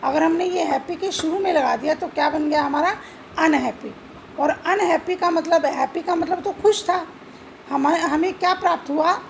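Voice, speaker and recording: A woman's voice: very high-pitched, moderate pace, vocal fry, a little hiss or hum, poor audio. A woman teaching English grammar with an Indian accent, mixing Hindi and English, spelling words out letter by letter and asking questions she answers herself. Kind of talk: classroom-style explanation.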